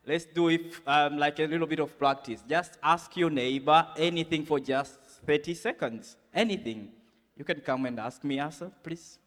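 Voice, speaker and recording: A man's voice: on the high side, fairly bright tone. A man moderating a conference session, talking casually to the audience with many fillers and prompts. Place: conference hall. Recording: large hall reverb.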